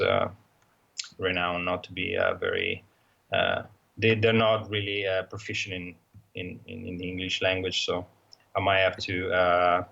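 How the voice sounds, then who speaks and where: On lo-fi audio, a deep-voiced Italian guest with vocal fry and a fairly bright tone talks about his motorcycle travels. He speaks casually with an Italian accent, hesitating often and filling his speech with fillers and false starts.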